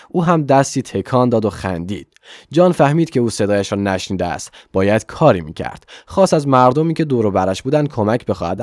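Male storybook narrator, steady and measured, dry close-mic sound, mid pitch. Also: no room sound. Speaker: audiobook narrator. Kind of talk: scripted narration.

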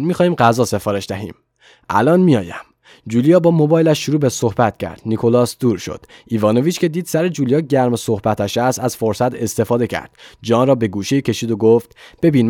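A man narrating a novel as an audiobook, calmly quoting the characters in his own voice. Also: medium pitch, dry recording, clean studio sound.

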